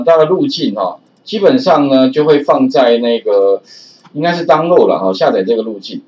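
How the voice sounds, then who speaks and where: A man with a Taiwanese Mandarin accent teaching a screen-recorded programming lesson in a chatty way, often filling pauses with "oh" and repeating his warnings. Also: medium pitch, a little mellow. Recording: slightly dull lo-fi recording.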